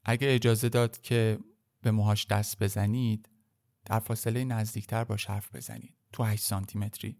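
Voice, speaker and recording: A man reading a French novel aloud line by line, pronouncing each French sentence slowly and carefully and then translating it quickly in colloquial Persian. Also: fairly low pitch, level tone, vocal fry, a little mellow. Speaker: language teacher.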